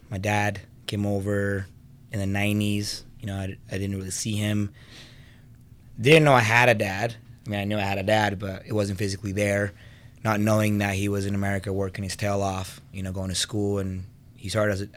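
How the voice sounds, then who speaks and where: A young Venezuelan man who co-owns a fitness business chats casually about his life as a podcast guest. He's personable and uses lots of fillers, speaking a little fast in a lowish, level tone.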